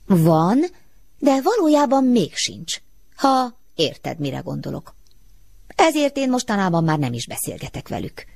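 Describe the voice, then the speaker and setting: A woman reading the lines of a grumbling, drowsy male teddy bear in a storybook, with a husky, low voice. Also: darkish tone, no room sound, heavily acted.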